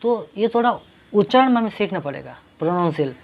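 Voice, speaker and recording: A man's voice: sits high, lively intonation, fast talker, creaky. A man teaching an English grammar lesson. He explains patiently, repeating each point and asking questions that he then answers himself. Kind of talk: classroom-style grammar lesson. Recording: dull lo-fi recording.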